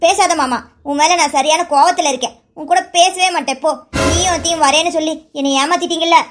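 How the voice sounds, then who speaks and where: A woman's voice: extremely high pitch, quick pace, background noise. A woman voicing a pouting young village girl in a cartoon, sulky and doting toward her uncle. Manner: pouting, childlike. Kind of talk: cartoon voice acting.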